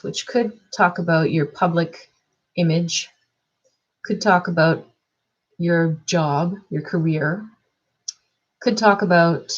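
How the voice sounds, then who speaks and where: A woman's voice: on the low side, lo-fi sound. A woman astrologer talking through a chart reading in a casual, thinking-aloud way, with fillers and restarts.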